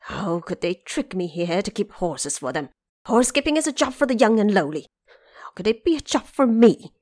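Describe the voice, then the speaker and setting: A woman's voice: mid-range voice, sing-song, moderate pace, a little mellow, no room sound, studio quality. A woman voicing a proud, hot-tempered male monkey warrior in an audio drama, boastful and indignant. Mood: enraged.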